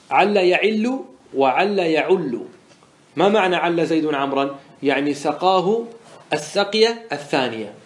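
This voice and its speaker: A man teaching Arabic morphology in a classroom-style lecture. He asks questions and answers them himself, and he slows down to stress the example words. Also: fairly high pitch. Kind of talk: classroom lecture explaining a grammar poem. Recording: roomy echo.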